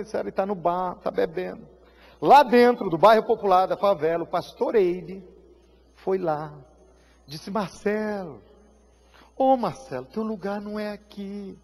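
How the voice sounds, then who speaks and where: A man with a Brazilian Portuguese accent preaching a sermon, telling a story with feeling, acting out voices and shouting at the peaks. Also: high voice, normal speed, vocal fry. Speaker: pastor. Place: church hall. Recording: live church hall reverb.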